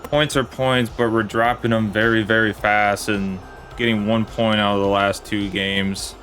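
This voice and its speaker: A young man giving casual play-by-play commentary on a football video game match, in a plain, steady way that turns let down when his side concedes. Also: on the low side, measured pace, faint music behind. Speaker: gaming commentator.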